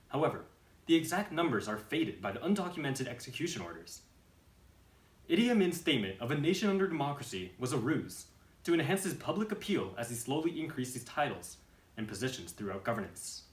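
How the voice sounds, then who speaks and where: A man's voice: medium pitch, sing-song, brisk. Male documentary narrator, formal scripted read, recorded in an echoing room.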